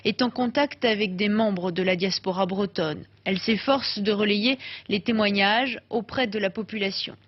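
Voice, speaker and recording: A woman's voice: medium pitch, moderate pace, hardly any pauses. Woman reading a news report, dull sound. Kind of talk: news voice-over. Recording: slightly dull sound with faint noise.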